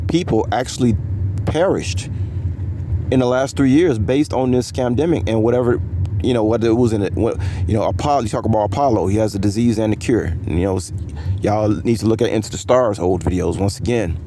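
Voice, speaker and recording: A man's voice: lowish voice, fairly quick, dark tone, a little hiss or hum. A man talking to his viewers in a casual, rambling, conspiratorial vlog monologue, full of fillers and restarts. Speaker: vlogger.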